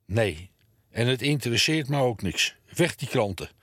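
A man voicing a nervous, flustered older math teacher who snaps out commands in a high, jumpy voice. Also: animated, moderate pace, fairly bright tone, dry recording, studio quality.

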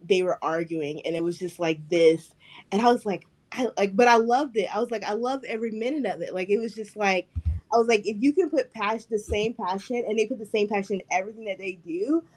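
A podcast host with a medium-pitched, darkish voice talks briskly as she tells stories in casual chat. She is a chatty storyteller who leans heavily on "like" and "I was like."

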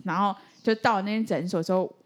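A woman's voice: fast talker, slight background noise. A young woman with a Taiwanese Mandarin accent co-hosting a casual chat podcast, telling stories with lots of laughter. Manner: animated storyteller, laughs often, high-pitched when quoting. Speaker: podcast co-host.

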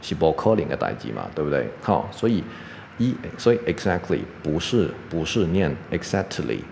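A man teaching English pronunciation on a podcast, explaining step by step, saying "OK" constantly and sounding out words slowly. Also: extremely low pitch, big pitch swings, gravelly, darkish tone. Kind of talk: casual spoken lesson. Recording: long reverb, faint background noise.

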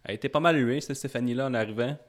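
A man's voice: mid-range voice, rapid-fire. A man with a Quebec French accent hosting a podcast in a casual chat over an internet call. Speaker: podcast host.

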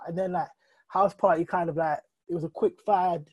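A man's voice: high-pitched, steady tone, moderate pace, husky, dull audio. A man, a podcast guest chatting casually in slang and repeating phrases for emphasis. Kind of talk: casual chat.

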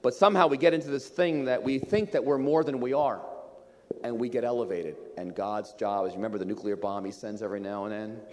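A man preaching a sermon as pastor, animated and building to loud emphasis. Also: mid-range voice, a little fast. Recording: echoey hall with long reverb.

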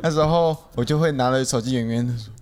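A man's voice: mid-range voice, a little fast, crowd noise. A man with a Taiwanese Mandarin accent, a podcast guest telling a story in casual, matter-of-fact chat.

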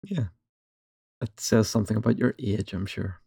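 Mellow, gravelly British man. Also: fairly low pitch, moderate pace. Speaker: podcast host reading questions. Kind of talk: casual chat.

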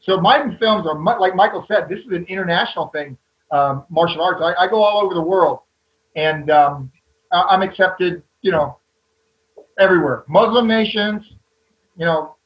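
High-voiced man, candid and rambling. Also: normal speed, muffled recording. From American South. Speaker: actor, panel guest. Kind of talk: panel discussion.

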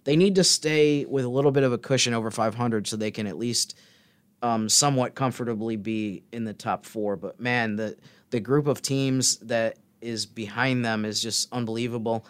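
A man co-hosting a casual sports podcast, talking in a thoughtful, measured way. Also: medium pitch, fairly even intonation, smooth. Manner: thoughtful, measured, fills pauses with "I mean" and "so". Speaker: podcast co-host.

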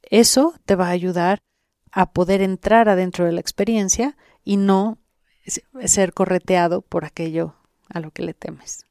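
A woman's voice: fairly low pitch, steady tone, unhurried, mellow, no echo, clean studio sound. A woman with a Mexican Spanish accent, speaking as an interview guest in an instructive way, addressing the listener directly. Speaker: interviewed guest who guides sessions. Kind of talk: explanatory podcast interview.

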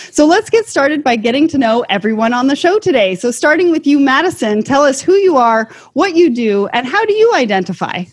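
A woman hosts a panel talk show with an upbeat, encouraging manner. Her voice sits a little high. She speaks clearly over a video call. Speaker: podcast host.

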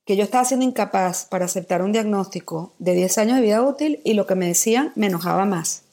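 Speaking fast in a warm, mid-range voice, a middle-aged woman from Mexico shares her own story as a podcast guest. Her testimony is vivid and candidly emotional.

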